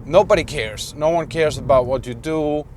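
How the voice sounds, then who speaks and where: A man's voice: a little high, normal speed, darkish tone, a little hiss or hum. A man from Iceland talking casually in a vlog, rambling with many fillers and restarts, sitting in a car. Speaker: vlogger.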